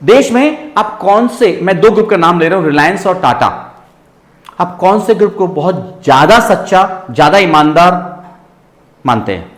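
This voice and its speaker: A man teaching a business class in a lively lecture style, often checking in with his students. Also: high voice, normal speed, echoey room. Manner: lively, asks students rhetorical checks, mixes English into Hindi.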